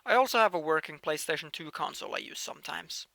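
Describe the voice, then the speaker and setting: A man's voice: fairly high pitch, fast, creaky, no room sound. Young Norwegian man answering viewer questions. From Norway. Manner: chatty, restarts phrases, lively shifts in loudness. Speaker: YouTube channel host. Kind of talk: casual Q&A monologue.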